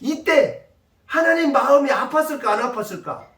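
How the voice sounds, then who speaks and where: A male pastor preaching emphatically, firing rhetorical questions at his congregation. His voice is very high and swings widely, and it rings through a roomy church from a distance. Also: lively intonation, moderate pace, fairly bright tone. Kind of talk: sermon. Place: church sanctuary.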